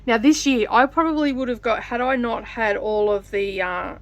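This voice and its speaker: A woman's voice: a little high, moderate pace. A woman hosting a chatty craft vlog, talking loosely with many fillers and restarts while she stitches and stops to count. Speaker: vlogger. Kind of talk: casual chat while stitching.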